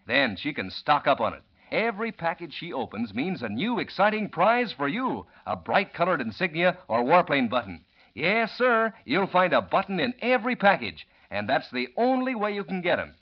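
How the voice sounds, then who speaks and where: Animated old-time radio pitchman, higher male voice. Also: normal speed. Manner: folksy, enthusiastic salesmanship. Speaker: commercial announcer. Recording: dull vintage radio recording.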